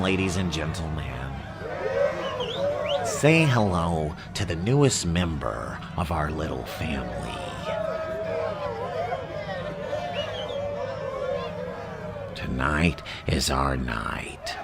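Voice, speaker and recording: An actor playing a theatrical, menacing madman crime boss in an ASMR roleplay, mocking and drawn-out, often slipping into a whisper. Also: very deep voice, expressive, loud music behind the voice, exaggerated voice. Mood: gleeful showman. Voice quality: gravelly.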